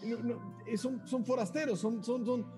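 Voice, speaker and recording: A man's voice: extremely high pitch, fairly even intonation, normal speed, dark tone, soft background music, pitched above the performer's own voice. A man doing a stammering tavern keeper. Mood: flustered. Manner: stammering, apologetic.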